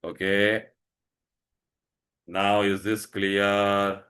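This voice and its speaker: In an online science class, a man with an Indian accent instructs and repeats himself, frequently checking that pupils follow and asking them questions. His voice is lowish and slightly bright, with little pitch movement and drawn-out words.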